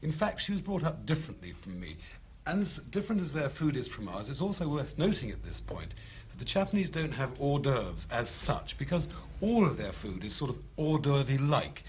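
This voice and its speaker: A man's voice: medium pitch, big pitch swings, brisk. A man hosting a cookery show, his voice swinging up and down as he chats with enthusiasm. He talks in a theatrical, chatty way over a faint hum of room noise. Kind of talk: lively on-set chat.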